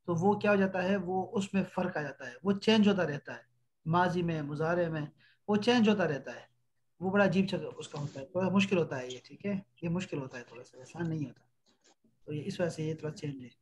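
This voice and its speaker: An Arabic teacher with a slightly high voice gives an online language lesson. He drills each phrase slowly and patiently, repeating it, then explains quickly and corrects his student.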